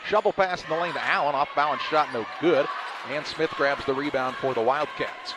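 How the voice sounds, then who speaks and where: A play-by-play announcer calls a high school basketball game live, his delivery quick and clipped. Crowd noise and the sound of the gym fill the background.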